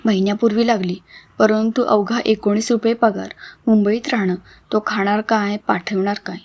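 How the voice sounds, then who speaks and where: A woman voicing a frail, ailing mother with a soft, tender delivery in a storybook reading. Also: medium pitch, little pitch movement, normal speed, close to an everyday voice.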